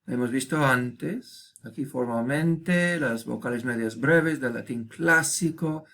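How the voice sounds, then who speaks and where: A man giving a recorded lecture, slowly repeating each example word and asking listeners quick check questions. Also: medium pitch, a bit bright. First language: Spanish.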